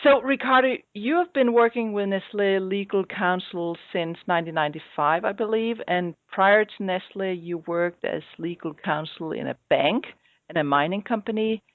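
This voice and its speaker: A woman's voice: medium pitch, normal speed, no echo. A woman hosting a podcast who asks formal, prepared interview questions. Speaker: podcast host. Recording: dry, tinny phone-like sound.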